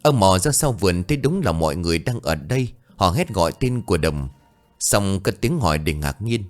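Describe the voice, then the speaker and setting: Brief: male ghost-story narrator, low pitch, lively intonation. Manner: dramatic, measured. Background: faint music.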